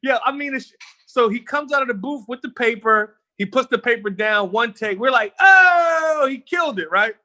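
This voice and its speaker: High, bright-voiced man telling stories. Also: normal speed. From Philadelphia. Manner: animated, laughing storyteller who swears freely. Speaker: guest, rapper. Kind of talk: casual storytelling interview. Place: home kitchen while cooking.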